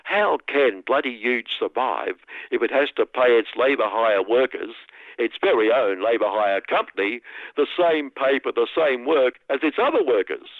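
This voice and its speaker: Man, sarcastic satirical commentary, mid pitch, tinny dry radio line. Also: expressive, normal speed, no echo. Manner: sarcastic, mock-outraged.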